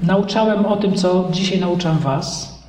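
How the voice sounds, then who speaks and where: A man with a high-pitched voice preaches to a congregation, animated and lively, acting out little dialogues as he goes. He is recorded from a distance in a large hall, and the sound rings with a long, heavy echo. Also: a little slow. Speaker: pastor. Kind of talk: sermon. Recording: echoey hall recorded from afar.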